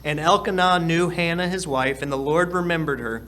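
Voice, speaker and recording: Male pastor, earnest sermon delivery, slightly high voice, repeats for emphasis. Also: normal speed, sharp tone, slight background noise. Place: church hall.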